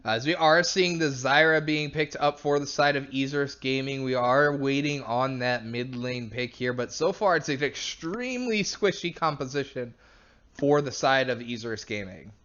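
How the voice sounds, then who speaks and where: A man's voice: mid-range voice, normal speed, fairly bright tone. Man casting esports over dull lo-fi chat. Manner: chatty, analytical, laughs often. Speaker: esports caster. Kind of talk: play-by-play commentary.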